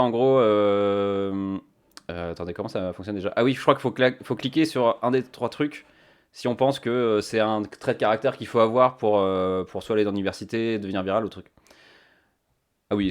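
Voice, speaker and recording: Man, slightly low voice, casual stream chat, rambling with fillers, cheap mic. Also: a little fast. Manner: chatty, thinking aloud, many fillers. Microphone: cheap microphone.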